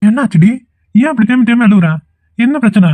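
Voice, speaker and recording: An impatient young male college student in a cartoon brushes off worries in quick, clipped bursts, voiced by a man. His tone is dark and mellow. The sound is dry and close. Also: high-pitched, dry recording. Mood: alarmed. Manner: dismissive, impatient. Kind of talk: cartoon voice acting.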